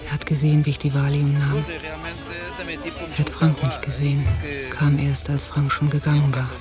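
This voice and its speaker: In this 1990 German radio drama, transferred from cassette with music behind it, an actress plays an anxious, jealous young-to-middle-aged woman on holiday who broods and watches. Her voice sits low and stays quiet and even, natural-sounding at a normal speed, inward in mood, across intimate interior monologue and dialogue.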